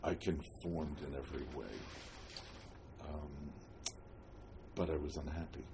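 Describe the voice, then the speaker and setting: An elderly man with an American accent looks back on his life in an oral history interview. His voice is extremely low and he speaks slowly, halting and searching between phrases as he reminisces. There is clear noise behind him. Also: fairly even intonation. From New Jersey, United States. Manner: halting, with long pauses and frequent hesitations. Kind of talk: reminiscing, telling life story.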